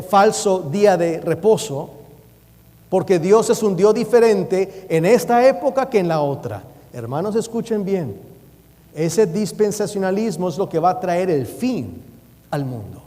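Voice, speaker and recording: A man's voice: sits high, animated, a little slow, dark tone. A man preaching a sermon in a church, urgent and emphatic, reading scripture aloud. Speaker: preacher and Bible teacher. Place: church sanctuary. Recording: long reverb of a church hall.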